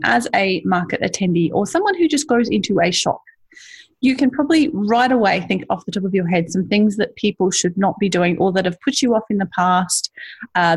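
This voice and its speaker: A woman with a broad Australian accent hosts a casual podcast. Her voice is husky and sits at a middling pitch. She chats informally, like someone at ease behind the mic. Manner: chatty, informal, quick to laugh. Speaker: podcast host.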